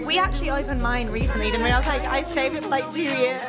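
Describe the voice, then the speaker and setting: Young female vlogger, high voice, excited casual chat, prominent music behind her. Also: fast talker. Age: young adult. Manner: excited, gushing. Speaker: vlogger on a bachelorette weekend. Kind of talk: casual vlog chat among friends. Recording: loud music over the voice. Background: loud music.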